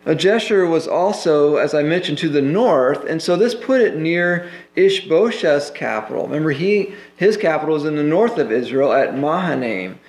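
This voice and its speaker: A man's voice: a little high, vocal fry, reverberant. A man pastor teaching a Bible sermon in a conversational way, full of "you know" fillers.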